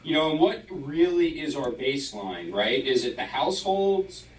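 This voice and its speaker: A man's voice: on the high side, lively intonation, normal speed, reverberant, recorded from a distance, a little hiss or hum, poor audio. A man on a village council eagerly talking through data on a shared screen, apologizing as he goes. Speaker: council member. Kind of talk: council meeting remarks.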